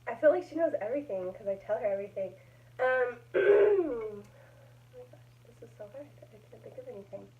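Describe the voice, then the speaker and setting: A woman's voice: on the high side, lively intonation, fairly quick, a little hiss or hum. Giggly young woman vlogger, lo-fi. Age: young adult. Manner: chatty, giggly, rambling with fillers. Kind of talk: casual chat. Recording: dull lo-fi sound.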